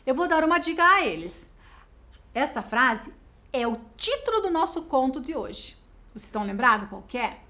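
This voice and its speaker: A Brazilian woman teaching a video lesson to schoolchildren, explaining slowly and spelling out words clearly. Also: high voice, big pitch swings, bright, forceful tone. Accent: Brazilian Portuguese.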